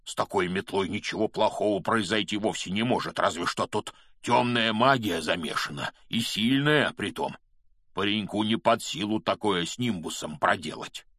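A man voicing a big, gruff but kindly male gamekeeper in an audiobook, muttering in homely rustic speech. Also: fairly low pitch, a little slow, a bit bright, no room sound, clean studio sound. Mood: worried.

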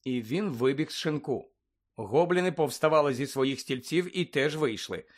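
A man's voice: on the high side, normal speed. Man reading a storybook. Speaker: audiobook narrator. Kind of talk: storybook narration.

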